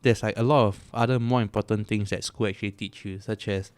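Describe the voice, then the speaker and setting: A young man, co-hosting a casual podcast chat. He talks in rushed run-on sentences with lots of fillers and sounds out of breath. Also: lowish voice, steady tone, dry recording. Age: young adult. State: out of breath and shivering from cold. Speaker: podcast co-host.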